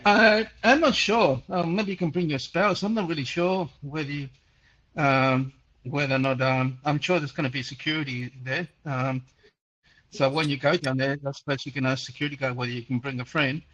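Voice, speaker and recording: A man in his sixties, who grew up in Chile, hosts a casual call-in and answers listeners. His voice sits a bit high for a man. He rambles, repeats himself and fills his talk with "uh" and "um", and the audio sounds muffled and lo-fi. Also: fairly even intonation, normal speed, a bit bright. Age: 60s. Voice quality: nearly deaf. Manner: rambling, repeats words, frequent fillers. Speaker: host answering listener questions.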